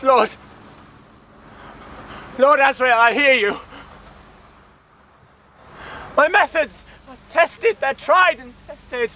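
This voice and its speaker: A man playing a zealous, creepy cult recruiter with slow, preachy, drawn-out speech in an amateur comedy sketch. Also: high voice, bright, forceful tone, heavily acted.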